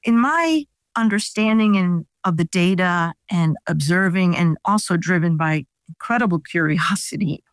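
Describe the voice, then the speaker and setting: A scientist whose first language is Italian answers interview questions about her research, using many fillers and restarts. Her voice is lowish and moderately paced, recorded in studio quality without echo.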